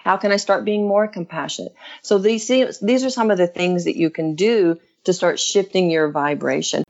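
A woman's voice: fairly low pitch, normal speed, gravelly. A woman in her fifties talks like a self-help coach in an interview. She is earnest and instructive, often posing questions to the listener. The audio is somewhat dull and lo-fi. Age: 50s. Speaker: interview guest, relationship and spiritual coach. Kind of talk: conversational self-help talk.

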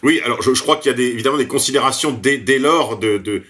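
A man's voice: mid-range voice, fast talker, fairly bright tone. A man hosting a radio interview, talking in a hesitant way and stammering on repeated words. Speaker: host.

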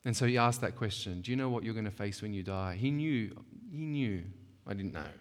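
A man's voice: fairly low pitch, fairly quick. A man teaches a church workshop in a casual, emphatic way, often stopping to check in with his listeners. His voice carries a long reverb from a hall. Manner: conversational, emphatic, with rhetorical check-ins. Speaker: workshop speaker.

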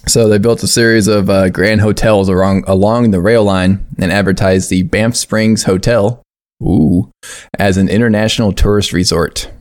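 A man with a fairly low voice reads history notes out loud on a casual podcast, stopping and restarting often. The talk is loose, full of fillers. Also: steady tone. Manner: halting reading with fillers and restarts. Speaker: podcast co-host.

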